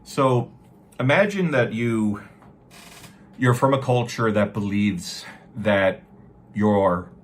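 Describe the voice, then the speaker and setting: A man giving an informal explanatory lecture, talking haltingly with self-corrections and stressing key words. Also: fairly low pitch. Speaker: lecturer on Norse mythology. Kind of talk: informal explanatory lecture with read-aloud verse.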